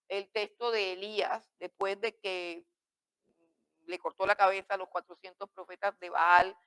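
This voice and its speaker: A woman's voice: mid-range voice, fairly bright tone, clear, resonant tone, rough recording. Earnest woman teaching a preaching class. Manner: earnest, repeats key words, asks and answers own questions. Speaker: Bible school teacher.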